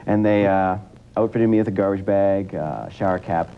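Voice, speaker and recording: A teenage student guest talking in a relaxed, rambling way with many fillers, heard through an old 1980s TV broadcast. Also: male voice, normal speed. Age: teens. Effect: old 1980s TV broadcast sound. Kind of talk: casual broadcast interview. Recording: dull lo-fi 1980s TV broadcast with faint rumble.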